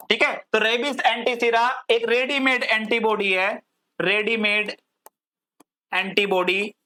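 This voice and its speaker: Woman teaching pharmacy, slow drawn-out terms. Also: fairly high pitch, fairly bright tone. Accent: Hindi-English code-switching. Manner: drawls long technical terms word by word. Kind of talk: classroom lecture.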